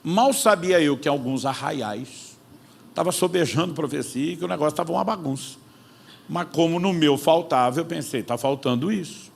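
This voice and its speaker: A man preaching, an animated storyteller who acts out conversations in his own voice. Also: fairly high pitch, moderate pace, vocal fry, breathy edge. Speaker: pastor. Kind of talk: sermon storytelling.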